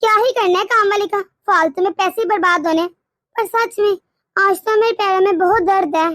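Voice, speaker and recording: A woman's voice: very high-pitched, a little fast, fairly bright tone, dry recording, clean studio sound. A woman voicing a bossy, controlling middle-aged mother-in-law in a cartoon, with a grumbling, scolding manner. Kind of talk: cartoon voice acting.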